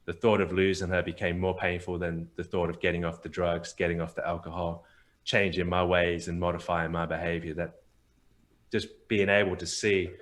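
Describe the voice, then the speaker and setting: A man on a podcast as a guest, earnestly telling a personal story and often repeating words as he restarts phrases. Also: sits low.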